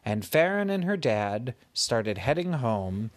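A father telling his child an improvised bedtime story in a gentle, patient way. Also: medium pitch, very animated, slow pace, dry recording.

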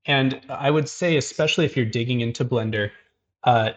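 Hosting an art livestream, a man chats casually in a medium-pitched voice at a moderate pace. His talk is heavy with fillers and restarts, with "like" and "um" cropping up constantly.

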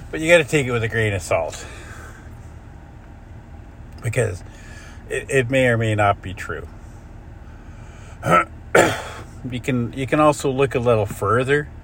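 A man's voice: fairly low pitch, slight background noise. A middle-aged man ranting in a solo monologue, angry, swearing constantly and getting worked up. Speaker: solo commentator.

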